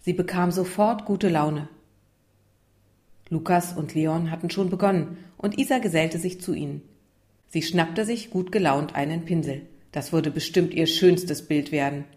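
A woman's voice: deep voice, a little slow, darkish tone. Woman reading a children's story. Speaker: narrator.

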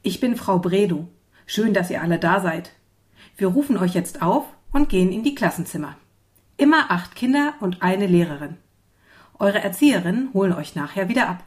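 A woman's voice: mid-range voice, lively intonation, normal speed, natural voice. A woman voicing a friendly female schoolteacher who speaks patiently and encouragingly to small children. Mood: welcoming.

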